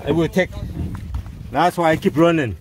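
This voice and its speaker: High-voiced man excitedly narrating a fishing trip. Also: normal speed. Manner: chatty, exclaims often, simple broken English. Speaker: fishing channel host. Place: small open boat at sea, outdoors. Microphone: handheld or mounted action camera.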